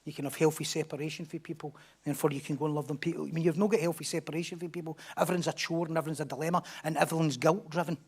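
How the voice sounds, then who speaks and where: Pastor preaching emphatically. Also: male voice, on the high side, steady tone, racing, hardly any pauses, breathy edge. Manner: emphatic, repetitive preaching with rhetorical questions. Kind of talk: sermon.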